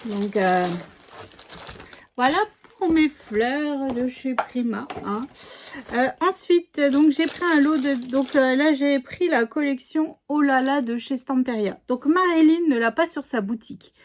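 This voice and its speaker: A woman's voice: high voice, unhurried, a little hiss or hum. A middle-aged woman chatting casually as she unboxes a scrapbooking haul, rambling with many fillers and restarts. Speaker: scrapbooking vlogger.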